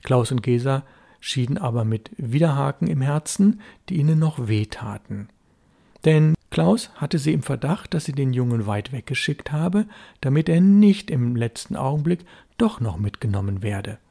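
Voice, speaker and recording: Male storybook narrator, steady calm read, gravelly, dark mellow tone. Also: medium pitch, moderate pace.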